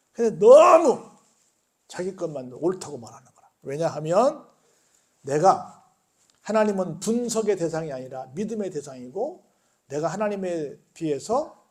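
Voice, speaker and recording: A pastor with a high-pitched voice gives a sermon in a church. He talks in a relaxed, everyday way and keeps asking the congregation questions, then answers them himself. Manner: lively preaching with many rhetorical questions to the congregation; conversational, folksy phrasing. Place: church sanctuary.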